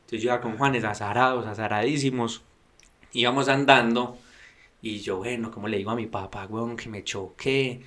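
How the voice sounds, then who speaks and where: A young man with a Medellín accent telling a story on a casual podcast, slangy and animated, acting out what people said. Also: mid-range voice, moderate pace. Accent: Medellín Colombian Spanish. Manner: slangy, animated, acts out quoted voices. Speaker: podcast co-host.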